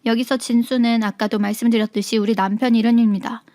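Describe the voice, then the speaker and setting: A woman narrating a real-life story in a plain, even storytelling manner, as read on a radio segment. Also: fairly high pitch, fast talker, dry recording, clean studio sound.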